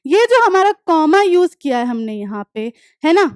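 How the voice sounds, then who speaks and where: High-voiced woman teaching an English class. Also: big pitch swings, no room sound, studio quality. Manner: explains step by step, often checking understanding; reads English examples slowly and deliberately. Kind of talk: online class lecture.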